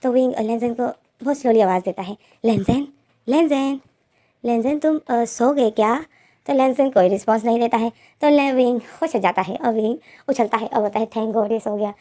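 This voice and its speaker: Woman, casual story narration, slightly high voice, both characters' lines in her own voice. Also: fairly quick, few pauses, mellow. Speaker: fan fiction storyteller.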